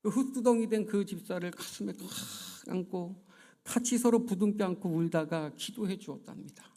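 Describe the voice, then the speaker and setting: Male pastor, high voice, earnest storytelling sermon in a church, acting out the characters' words. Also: normal speed, warm tone. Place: church sanctuary.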